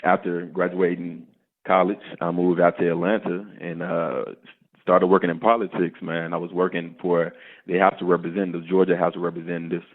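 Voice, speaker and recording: Over phone-line sound, a young Southern man from Arkansas, in his twenties, chats casually as a podcast guest, frequently addressing the host as "man." He co-founded a startup, and his low voice stays level at a fairly quick clip.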